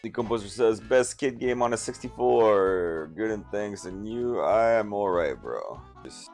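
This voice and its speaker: Man thinking aloud over a game. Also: lowish voice. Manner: excitable, thinking aloud, reads chat. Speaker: gaming streamer. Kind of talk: casual gameplay commentary.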